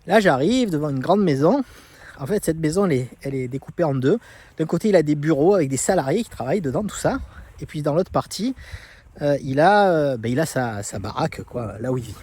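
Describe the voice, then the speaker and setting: A man's voice: on the high side, expressive, brisk, darkish tone, slightly rough. A man from France, casually telling a personal story with many fillers and restarts. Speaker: tech vlogger. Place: Ireland.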